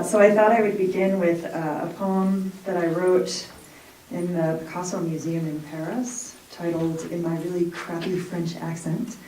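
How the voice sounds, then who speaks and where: A woman's voice: medium pitch, a little mellow, a little hiss or hum. A woman poet and college English professor reading her poems, with casual, self-deprecating asides between them. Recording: roomy echo, mic far off.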